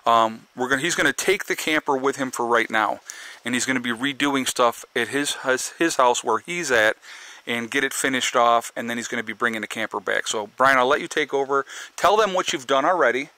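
A man's voice: medium pitch, a little fast, pushed and bright, no room sound. A man giving a casual, rambling walkthrough of an old camper, talking straight to viewers from a handheld camera outdoors and inside. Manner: loose, rambling, addresses viewers directly. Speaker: homestead vlogger.

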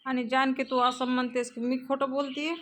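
A woman's voice: sits high, little pitch movement, normal speed, fairly bright tone, slight background noise. Woman reading as a tearful young widow. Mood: accusing. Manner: pleading, reproachful.

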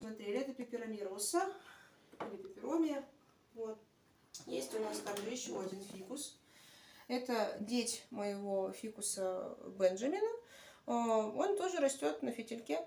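A woman's voice: a little high, expressive, normal speed, gravelly, darkish tone, slight background noise. A woman chatting casually about her houseplants at home, with lots of fillers and restarts. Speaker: plant collector showing her plants. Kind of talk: casual chat. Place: home, indoors among houseplants.

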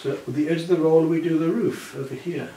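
This man in his sixties has a slightly high, mellow voice and speaks quickly with fairly even intonation, patiently and reassuringly guiding a student through painting one step at a time. The demonstration is indoors in a home living room. A camera a few feet off captures a roomy, distant sound with background noise.

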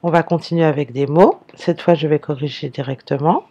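Lady teacher doing a slow dictation, kinda gravelly and warm, spells out each syllable. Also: low-pitched, highs cut off.

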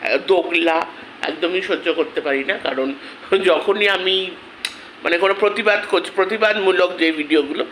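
A man with a headache, talking slowly and quietly in an angry protest vlog on his channel. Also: on the high side, a little hiss or hum, poor audio. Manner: speaks slowly and quietly, rising in anger. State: has a headache. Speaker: vlogger.

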